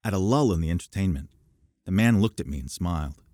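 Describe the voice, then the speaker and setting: A man's voice: fast talker, dry recording, clean studio sound. A man reading an audiobook demo reel, voicing each character. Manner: expressive, voices characters with raised pitch. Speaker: audiobook narrator.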